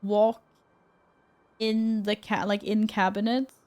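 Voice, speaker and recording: A woman's voice: medium pitch, little pitch movement, slow, darkish tone. A young woman from Sweden, chatting casually with her stream viewers from her apartment, reading their messages aloud and laughing often. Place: apartment room at home.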